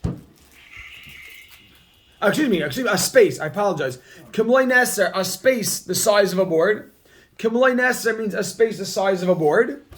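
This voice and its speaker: A man's voice: high-pitched, lively intonation, normal speed, pauses often, fairly bright tone. A man teaching a Talmud class, who repeats key phrases over and over and calls on his students with emphatic energy. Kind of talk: Talmud class reading and explaining text.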